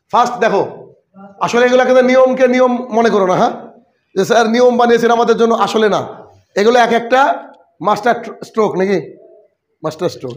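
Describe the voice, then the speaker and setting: বাংলাদেশি উচ্চারণের একজন পুরুষ ইংরেজি শিক্ষক, যিনি বারবার প্রশ্ন করে আর কথা পুনরাবৃত্তি করে বানানের নিয়ম পড়ান।. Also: male voice, very high-pitched, dull audio. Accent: Bangladeshi Bengali. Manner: repetitive, quizzing students with quick questions. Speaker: English teacher. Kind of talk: classroom spelling lesson.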